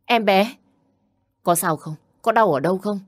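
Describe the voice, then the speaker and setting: A woman's voice: medium pitch, big pitch swings, a little fast, a bit bright, husky, pitched above the performer's own voice. A woman voicing an alarmed older husband in an audio story. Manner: alarmed, scolding.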